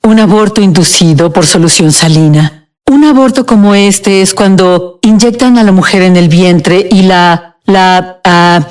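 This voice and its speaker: A woman giving a halting, emotional personal testimony as a guest in a TV interview. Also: on the low side, darkish tone.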